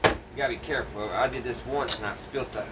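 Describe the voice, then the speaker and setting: A plainspoken man with a mid-range voice briskly narrates his DIY work for viewers, musing out loud in a folksy, casual style. He's recorded on a phone camera set away from him, which gives a distant, noisy sound with a steady hum.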